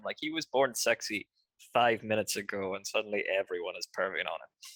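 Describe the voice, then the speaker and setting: A man's voice: fairly low pitch, fairly quick, a bit bright. A man co-hosting a podcast in casual chat, adding joking asides and comparisons. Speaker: podcast co-host.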